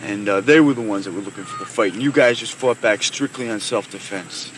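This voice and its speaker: Low-voiced cocky young greaser played by a man, noisy audio. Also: a little fast, fairly bright tone, lightly acted. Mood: matter-of-fact. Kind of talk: 1980s film drama acting. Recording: noisy film audio, vehicle rumble.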